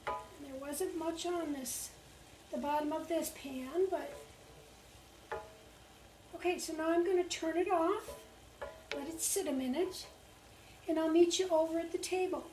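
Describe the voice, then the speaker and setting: With long pauses and a measured pace, an older woman walks kids through a recipe in her home kitchen, her very high voice mellow. She's a library cooking instructor, recorded by a far camera in an echoey room with slight background noise and the faint sizzle of frying meat.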